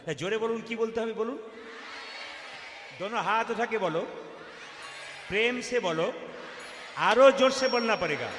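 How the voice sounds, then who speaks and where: A man's voice: high-pitched, normal speed, pauses often, a little hiss or hum. A man leading a devotional kirtan, urging the crowd to chant along in a mix of speech and song. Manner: exhorts the audience loudly, alternates speech and sung chants. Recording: echoey hall with loud music. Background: devotional music.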